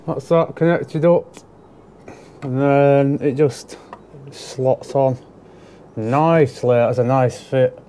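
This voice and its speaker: A young electrician with a warm, mellow voice talks loosely into his camera while fitting things indoors. He rambles, cracks small jokes at his own expense, and keeps it casual, with a faint background hum in the room. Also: mid-range voice, fairly even intonation, slow, long pauses. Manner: chatty, self-mocking, rambling asides. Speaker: electrician vlogger. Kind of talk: casual commentary while working. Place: indoors at a house job. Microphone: handheld camera mic.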